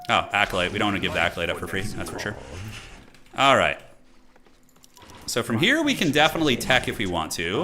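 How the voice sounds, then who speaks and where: Over background noise, a man with a lowish voice streams his own game, narrating each move in loose slang and swearing a little now and then.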